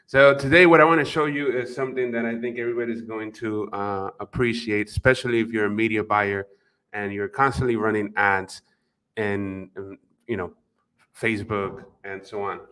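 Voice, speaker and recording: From his office, a man with a Spanish accent hosts a live marketing webinar as a livestream host and marketing coach, casually chatting with viewers by name and using plenty of fillers. He speaks at a normal speed into a desk microphone at his computer, his lowish voice fairly even in intonation, sharp and smooth in tone.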